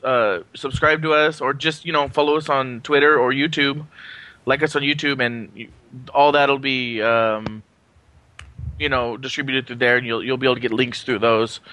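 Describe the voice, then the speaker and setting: A man hosting a podcast in a casual, halting, rambling way from his apartment. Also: a little high, bright, forceful tone, no echo. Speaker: podcast host. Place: apartment, remote recording.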